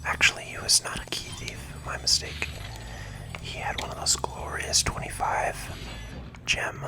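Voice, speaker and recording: A video game playthrough host whispers gentle, unhurried ASMR commentary close to the microphone, talking through each move of the game.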